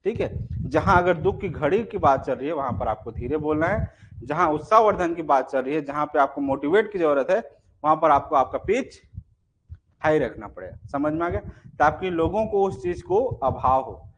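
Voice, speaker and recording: With a little hiss or hum in the background, a young adult man with a voice on the high side runs an online exam-prep class at a moderate, animated pace. He acts out example phrases and checks understanding through repeated rhetorical questions.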